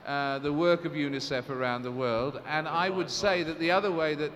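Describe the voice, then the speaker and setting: A man with a fairly high, fairly bright voice moderates a press conference at a moderate pace. He speaks formally and in a measured way, though he often restarts and uses fillers. The recording comes from a large, reverberant assembly hall with faint noise.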